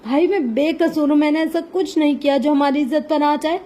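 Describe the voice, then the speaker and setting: Give me a woman playing a frightened young wife, sobbing and stammering, high and mellow. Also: fairly even intonation, close to an everyday voice. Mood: pleading. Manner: stammering through sobs. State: crying.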